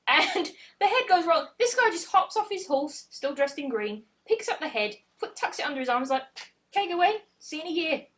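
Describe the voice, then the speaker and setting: Giggly, lively young woman retelling a tale. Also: sits high. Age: 20s. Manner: giggly, sweary, acts out characters in quick asides. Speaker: podcast co-host. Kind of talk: casual chat, retelling a folk tale.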